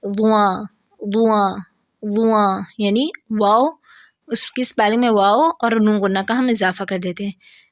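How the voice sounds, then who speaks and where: A woman with a Pakistani Urdu accent teaching Quran letter pronunciation. She speaks patiently and repeats each sound slowly several times. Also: medium pitch, no room sound, clean studio sound. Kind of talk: recorded lesson.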